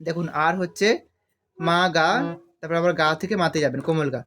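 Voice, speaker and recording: A man teaching a devotional song on harmonium, explaining the notes step by step and singing drawn-out phrases. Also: a little high, fairly even intonation, over music. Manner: explains slowly, then sings drawn-out phrases. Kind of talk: step-by-step music tutorial. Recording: harmonium loud under the voice.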